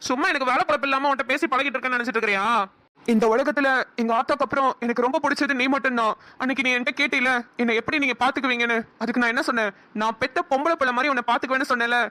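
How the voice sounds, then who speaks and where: A woman's voice: high-pitched, fairly even intonation, rapid-fire, sharp tone. A woman voicing a devoted young village man in a cartoon, earnest and protective. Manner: earnest and pleading, scolds then reassures. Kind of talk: cartoon dialogue acting.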